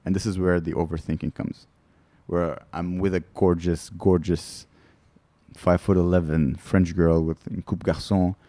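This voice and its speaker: A man's voice: deep voice, level tone, normal speed, mellow, no room sound. A male comedian guest chatting casually on a podcast, telling candid, rambling stories and laughing between lines. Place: studio.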